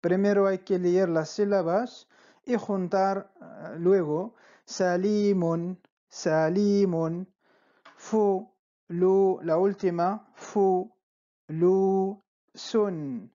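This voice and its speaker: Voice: mid-range voice, steady tone, extremely slow, dark tone, lo-fi sound. A teacher explaining letters in Spanish, stretching out syllables and repeating each word several times, often checking with "¿vale?". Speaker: Arabic teacher. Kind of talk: slow spelling-out lesson.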